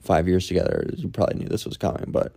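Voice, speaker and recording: A man's voice: low voice, racing, vocal fry, warm tone, husky. A man from Canada co-hosting a podcast, chatting casually and swearing freely. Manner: laid-back, swears freely. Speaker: podcast co-host. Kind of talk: casual chat.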